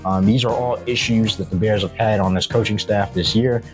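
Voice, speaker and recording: A man's voice: on the low side, steady tone, a little fast, faint music behind. A man hosting a solo sports recap, giving blunt, critical commentary. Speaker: sports video host.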